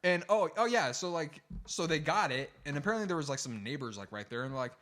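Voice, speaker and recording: A man's voice: on the high side, lively intonation, quick pace, fairly bright tone. Young man rambling through a funny story. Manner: rambling storyteller, laughs often. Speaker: podcast co-host. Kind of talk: casual comedy chat.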